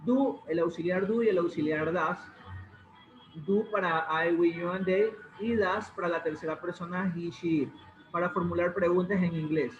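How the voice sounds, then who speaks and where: A man's voice: high-pitched, moderate pace, soft background music. A man teaching an online English grammar class, patiently repeating rules and calling on students. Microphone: video call. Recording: muffled video call in an echoey room.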